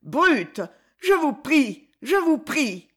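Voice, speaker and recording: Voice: medium pitch, very animated, measured pace. An audiobook reader voicing a small, fiery wife who scolds her husband in a raised, indignant voice. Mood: pleading. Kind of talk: audiobook character reading.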